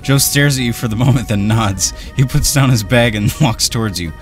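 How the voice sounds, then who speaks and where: A man's voice: mid-range voice, moderate pace. A man playing a text adventure with a friend, reading the story aloud and breaking into laughter. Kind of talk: casual gaming chat. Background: background music.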